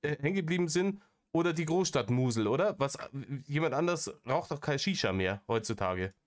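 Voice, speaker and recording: A man's voice: on the high side, expressive, a little fast. A man giving sarcastic, rambling commentary on stream clips. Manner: sarcastic, rambling, restarts a lot.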